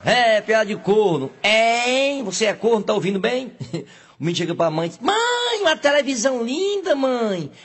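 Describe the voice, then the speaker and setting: A man telling a string of jokes, leaping into high exaggerated voices for the characters. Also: lively intonation, brisk, a bit bright, slightly rough. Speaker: joke teller. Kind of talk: telling jokes to a live audience.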